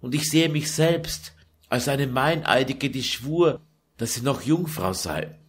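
A man's voice: slow, slightly rough. A man reading a German audiobook, voicing a young noblewoman who is weary and sad. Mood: plaintive. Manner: high plaintive lament.

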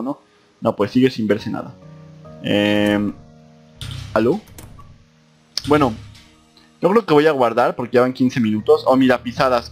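A young man narrates his playthrough of a horror game in a playful way. His voice sits at an ordinary male pitch but jumps into high yelps when startled. Faint guitar music plays behind him. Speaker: gaming YouTuber. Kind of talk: let's play commentary, reading game text aloud.

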